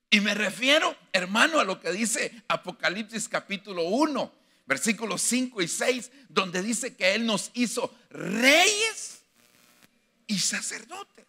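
A man's voice: fairly high pitch, bright, forceful tone. A man preaching a sermon as pastor, addressing the congregation as brother and acting out biblical dialogues with growing fervor.

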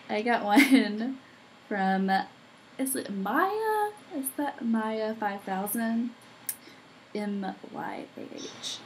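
A young woman vlogger chatting casually, laid-back and quick to laugh. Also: on the high side, big pitch swings. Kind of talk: casual chat on a video call. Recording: faint background noise.

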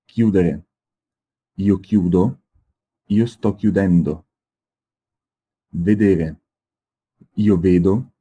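Man, very low voice, husky, slow deliberate reading, dull lo-fi sound. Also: dark tone. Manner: slow, deliberate, carefully spaced. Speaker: language teacher reading examples. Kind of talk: slow read-aloud example sentences.

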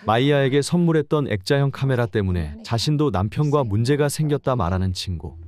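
A man narrating a drama recap in a brisk, scripted storytelling voice. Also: medium pitch, animated. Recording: narration over loud background music.

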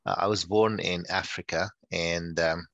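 An older man presents over a video call, his voice very low and close. The room sounds dry, with no echo. He stumbles and repeats small words as he builds each point. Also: steady tone, gravelly, a bit bright, muffled recording. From Nigeria. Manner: halting, many repeated words. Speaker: guest speaker. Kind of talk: online conference talk.

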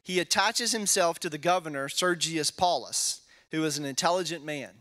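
A Texan pastor with a higher, sharp-toned male voice teaches the Bible conversationally at normal speed. He's casual, ends statements with "right?", and thinks aloud with fillers. He uses a handheld microphone in an indoor, wood-paneled church hall.

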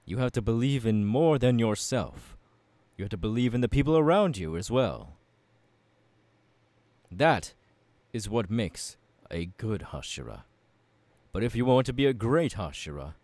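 In an ASMR audio roleplay, a man plays a passionate, courteous young warrior mentor, speaking earnestly, formally and encouragingly. His voice is on the low side with a darkish tone, and the recording is dry.

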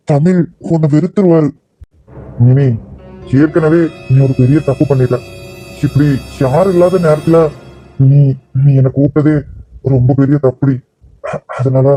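A man's voice: on the high side, warm tone, no echo, close to an everyday voice, poor audio. A man voicing a protective young male friend in a cartoon drama, scolding and lecturing in Kanyakumari Tamil.

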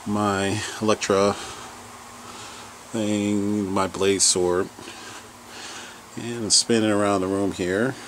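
Low slow-talking man touring his basement. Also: slight background noise, poor audio. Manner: rambling item-by-item listing with fillers. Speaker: collector giving a home tour. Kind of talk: casual vlog tour narration. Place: home basement.

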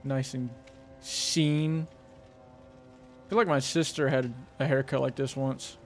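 A man hosts a gaming livestream in relaxed chat. He jokes around and teases his friend in a self-deprecating, offhand way. His voice sits at a middling pitch. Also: takes it slowly, soft background music. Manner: joking, self-deprecating banter. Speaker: streamer.

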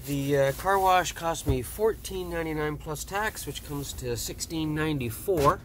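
A man's voice: a little high, normal speed. A man reviewing a car wash from the driver's seat of his van, musing aloud with many fillers. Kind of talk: casual vlog commentary. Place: inside a van going through a car wash. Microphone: phone camera in the driver's seat. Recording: noisy car wash recording.

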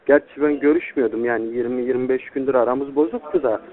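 A man's voice: mid-range voice, fairly even intonation, quick pace. A young man, a student, speaking informally and deferentially to someone he treats as an older friend on a phone call. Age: young adult. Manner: deferential, repeatedly addressing the listener as older brother. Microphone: telephone. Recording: tinny, band-limited recorded phone call.

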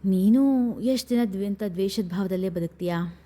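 A woman's voice: medium pitch, moderate pace, warm tone, natural voice. A woman voicing a scheming, menacing older brother who speaks in a heavy, brooding way.

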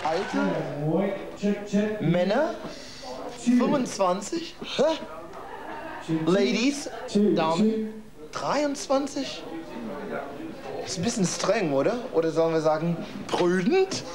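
A man teases and asks playful questions in a high voice, speaking slowly. He sounds like he is in a very echoey room with a lively crowd around him. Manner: teasing, questioning. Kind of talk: casual banter.

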